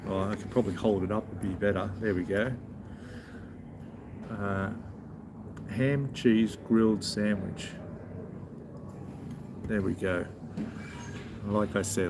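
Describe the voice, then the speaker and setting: A relaxed man with a fairly low voice rambles through a casual live-stream chat, talking to his viewers between bites. He sits in a big hotel lobby bar. Clear background noise hangs behind his voice the whole time. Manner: relaxed, rambling, chats with viewers while eating. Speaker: travel vlogger.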